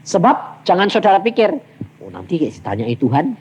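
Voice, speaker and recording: A male evangelist with a Javanese accent delivers a sermon in a storytelling way. His pitch leaps wildly from low murmurs to high exclamations as he acts out conversations, with a faint hiss behind him. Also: fairly quick, muffled recording. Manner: animated storytelling, acting out dialogues with big vocal swings. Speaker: evangelist preacher.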